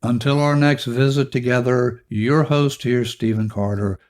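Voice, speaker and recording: A man hosting a self-help podcast, speaking in a gentle, reassuring way. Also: mid-range voice, steady tone, measured pace. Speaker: podcast host.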